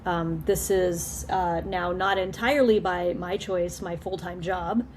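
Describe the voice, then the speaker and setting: A woman's voice: lowish voice, steady tone, unhurried, a little mellow, slight background noise. A woman filmmaker chatting as a guest in a casual video call interview, repeating words and laughing often.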